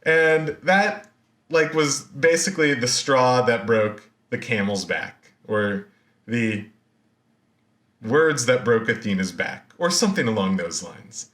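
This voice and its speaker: A man giving a recorded university lecture, retelling a myth in a slangy, animated way with lots of fillers. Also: mid-range voice, slow, roomy sound.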